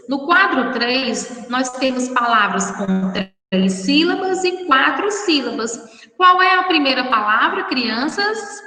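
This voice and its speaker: Speaking with a Brazilian Portuguese accent, a primary school teacher leads young children through a recorded remote lesson, spelling words out in slow, drawn-out syllables and affectionately calling them children and darlings with great patience. Her high voice sounds pushed and bright. The low-quality recording is distant, with echoey, big-room acoustics.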